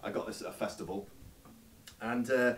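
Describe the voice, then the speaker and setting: A man's voice: mid-range voice, fairly even intonation, moderate pace, close to an everyday voice. An actor playing an earnest, clueless male folk singer who rambles and hesitates through a mockumentary interview. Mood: rambling earnest. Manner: rambling, hesitant, full of filler sounds. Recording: roomy, distant sound.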